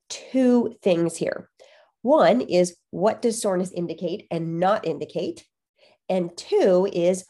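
A woman's voice: lowish voice, warm tone, husky. A woman hosting a solo podcast, explaining things conversationally and emphatically, with a nasal voice stuffed up by a cold. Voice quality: nasal, congested. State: has a cold. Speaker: podcast host.

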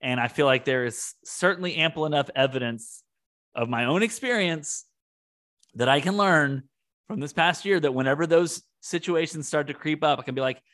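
A man's voice: on the high side, normal speed, fairly bright tone. A man co-hosting a podcast, talking in an earnest, reflective way as he thinks aloud. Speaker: podcast co-host. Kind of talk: casual heartfelt conversation.

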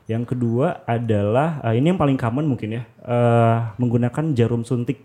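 Mellow-voiced man explaining informally. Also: medium pitch, moderate pace. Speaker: podcast guest, youth health educator. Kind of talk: casual explanatory interview talk.

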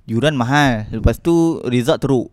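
A man's voice: medium pitch, moderate pace, dry recording, studio quality. A young man with a Malaysian Malay accent, telling rambling, self-mocking stories in a casual podcast chat. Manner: rambling, self-mocking storytelling with repeated restarts.

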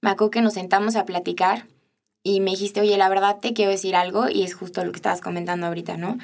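A young woman with a Mexican accent tells a personal story in a casual chat. She speaks in an easygoing, storytelling way and laughs often. Her voice sits at an ordinary pitch. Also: fairly even intonation, fast, creaky, darkish tone.

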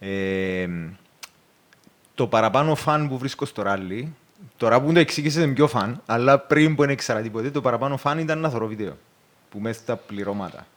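A man with a Cypriot Greek accent hosting a casual podcast, relaxed and joking, who acts out the things people said. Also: medium pitch. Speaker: podcast host.

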